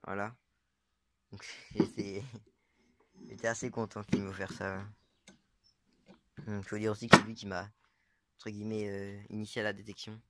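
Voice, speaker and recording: A man's voice: fairly low pitch, flat delivery, moderate pace, pauses often, heavy background noise. A young man casually showing his metal-detecting finds, talking hesitantly with many fillers and unsure asides. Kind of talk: casual show-and-tell vlog.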